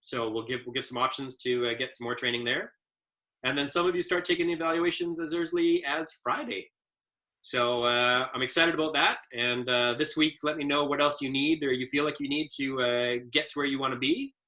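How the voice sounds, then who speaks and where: Bright-voiced man giving ski training talk. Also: mid-range voice, brisk. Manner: easygoing storyteller with many fillers. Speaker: adaptive ski instructor trainer. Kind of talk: casual training presentation.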